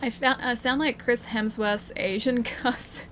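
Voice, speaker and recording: Unhurried, with a fairly high pitch and a fairly bright tone, a young woman streams a video game over slight background noise. She offers casual gameplay commentary and chats with her live viewers, often laughing and starting her sentences over.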